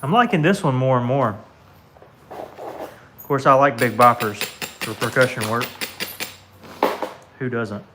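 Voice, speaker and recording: A man's voice: mid-range voice, slow, long pauses. Southern American man, casual live-stream host, chatty and easygoing, heavy knocking noise in the background. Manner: chatty, talks to viewers by name while working. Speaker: livestream host. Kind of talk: casual live-stream chat while flintknapping. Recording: clicks and knocking of stone work.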